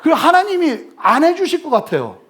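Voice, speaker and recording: A male pastor giving a sermon, telling humorous stories with sudden loud bursts. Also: extremely high pitch, wildly swooping pitch, fairly quick.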